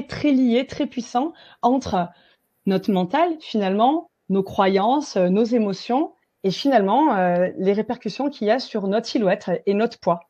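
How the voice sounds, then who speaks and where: A woman's voice: fairly high pitch, warm tone, muffled recording. A woman hosting an online webinar, upbeat and a little hesitant, with many fillers. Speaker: webinar host.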